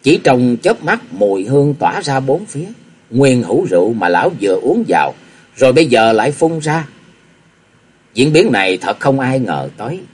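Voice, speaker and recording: Husky male storyteller. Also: mid-range voice, sing-song, normal speed, darkish tone. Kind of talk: audiobook narration of a wuxia novel.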